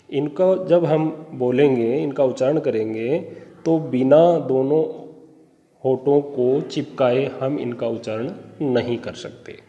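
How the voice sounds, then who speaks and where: A man teaching an exam-prep Sanskrit phonetics lesson, speaking slowly and deliberately, spelling out sounds one by one and addressing viewers as friends. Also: medium pitch, dark tone, big-room sound, highs cut off.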